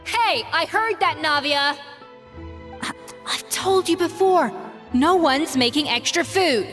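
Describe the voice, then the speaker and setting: A haughty, exacting female head chef from an anime game. The voice sits fairly high and is crisp and proud, with music playing behind it. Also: slow, fairly bright tone. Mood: defensive. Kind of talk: anime video game voice acting.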